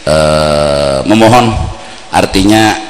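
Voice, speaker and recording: A man speaking with a Banjar accent preaches slowly in a large hall, his mosque sermon shifting from playful shouting to quiet, earnest asides. It's captured on an old, worn tape recording.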